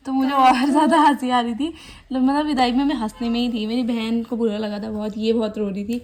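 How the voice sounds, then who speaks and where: A woman's voice: fairly high pitch, steady tone, brisk, a little mellow. A young woman from Uttarakhand, India, rambling casually and laughing a little as she narrates her wedding photos in a vlog voice-over. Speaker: vlogger. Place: voice-over, not recorded at the pictured wedding. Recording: voice with clear background music.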